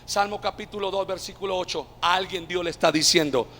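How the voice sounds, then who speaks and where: A Colombian man preaching a sermon, calling out to the congregation and rising to shouted climaxes. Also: high-pitched, a little fast, long reverb tail, a little hiss or hum. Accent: Colombian Spanish. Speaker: pastor.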